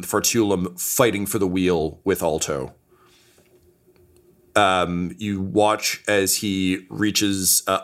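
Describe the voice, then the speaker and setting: Man, game master, lowish voice, relaxed rambling narration. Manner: relaxed, filler-heavy narration.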